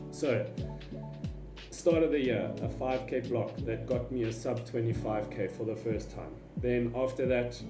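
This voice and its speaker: A man giving an informal vlog explanation in an opinionated, emphatic way. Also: mid-range voice. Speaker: running vlogger. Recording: roomy echo, faint music behind.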